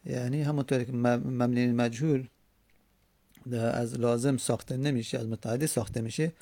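A man teaching Arabic grammar, reading a text and slowly repeating word forms aloud. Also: medium pitch, steady tone, dark tone, no room sound. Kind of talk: classroom lesson with text reading.

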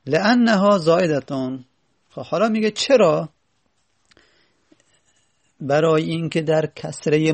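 A man teaching a lesson in a gravelly, slightly high voice. He reads a line from a grammar text, then patiently explains it and asks rhetorical questions along the way. The sound is dry and close. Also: no room sound. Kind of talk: classroom lecture reading and explaining a grammar text.

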